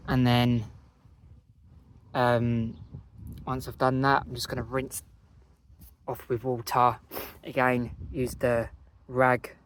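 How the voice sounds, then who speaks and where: A man with an Essex accent narrates a how-to in a relaxed, rambling way, correcting himself as he goes. His delivery stays level with little rise or fall. Clear background noise from outdoors runs under the whole recording. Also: medium pitch. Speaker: motorcycle vlogger. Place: outdoors beside a parked motorcycle.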